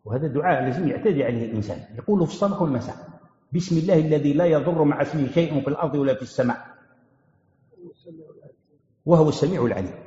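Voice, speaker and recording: A man's voice: fairly high pitch, rapid-fire, long pauses, mellow. A man teaching a religious lesson as a sheikh, asking questions and answering them himself and repeating key phrases. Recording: echoey hall, dull lo-fi sound.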